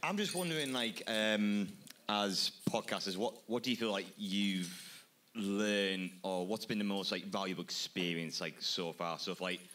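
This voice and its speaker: Brief: male audience member, low voice, hesitant and rambling with fillers. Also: normal speed, pushed and bright. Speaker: audience member asking a question. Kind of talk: casual question from the audience. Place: bar venue with live audience.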